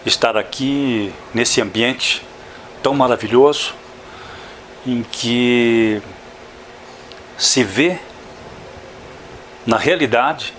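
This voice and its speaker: Slow, reflective older man on radio. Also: mid-range voice, fairly bright tone, a little hiss or hum. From Santa Catarina, southern Brazil. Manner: slow, reflective, with frequent "não é?" tags. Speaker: radio interview guest, journalist. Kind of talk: radio interview. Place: radio studio.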